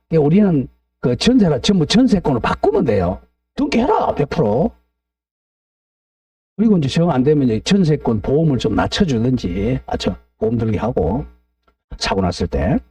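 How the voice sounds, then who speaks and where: A man's voice: on the high side, mellow, no room sound, far from the mic. A middle-aged man teaching a real estate law class, drifting into blunt, ranting asides and asking the class to agree. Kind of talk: lecture with opinionated digressions.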